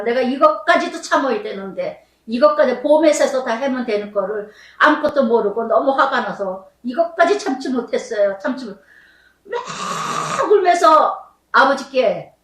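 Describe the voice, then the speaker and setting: A high-voiced woman pastor delivers a sermon, her pitch rising and falling widely as she pleads through her testimony. She stands some way from the mic, and the room around her is echoey. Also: recorded from a distance. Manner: emotional, pleading testimony with swings in pitch and loudness.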